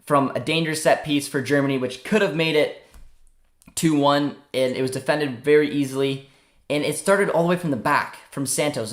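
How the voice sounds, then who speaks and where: A young man from Canada chats loosely as he hosts a live football watchalong, reading out viewer comments between reactions. His voice sits in a middle pitch range. The sound has a roomy echo around it. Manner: chatty, reads viewer comments aloud and reacts. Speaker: livestream host.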